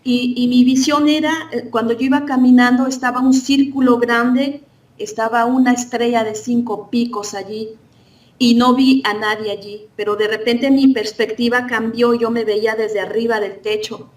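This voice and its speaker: A woman's voice: on the high side, fairly even intonation, moderate pace, recorded from a distance. A woman earnestly recounting a spiritual vision as a church testimony, often restarting her sentences. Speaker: church member giving testimony. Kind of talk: religious testimony.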